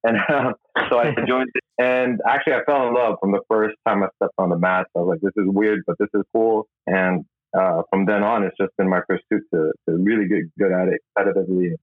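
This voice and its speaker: Man in his 30s, lowish voice, easygoing, good-humored, tinny phone-like line. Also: fairly even intonation, fairly quick, no room sound. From Philippines. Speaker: guest, jiu-jitsu instructor. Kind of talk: casual interview talk.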